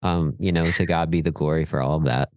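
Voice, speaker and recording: A man's voice: rumbling low, steady tone, fast talker, darkish tone, no echo. A middle-aged man, a podcast co-host chatting casually in an encouraging way. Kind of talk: casual chat.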